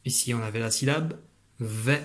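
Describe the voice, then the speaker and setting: Teaching young children to read over video, this male primary school teacher speaks in a mid-range, slightly bright voice at a moderate pace. He explains patiently and encourages them, recorded on his home desk computer.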